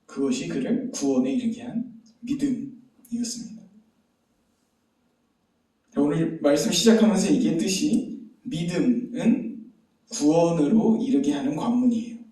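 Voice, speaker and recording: Male pastor, storytelling sermon, fairly high mellow voice, rhetorical questions, booming church reverb. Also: lively intonation, a little slow, long pauses. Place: church sanctuary. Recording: very echoey hall, distant mic.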